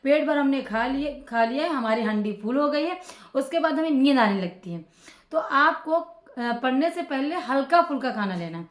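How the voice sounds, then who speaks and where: A woman teacher giving informal study advice to students, in a chatty way that repeats phrases and fills pauses with "ok". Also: high-pitched, animated, echoey room. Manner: conversational, repeats phrases with frequent fillers and "ok".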